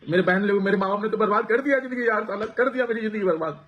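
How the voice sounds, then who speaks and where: A man's voice: high-pitched, very fast, lo-fi sound. A man vlogging to his viewers, pouring out an aggrieved personal account with many restarts. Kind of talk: emotional personal account to camera.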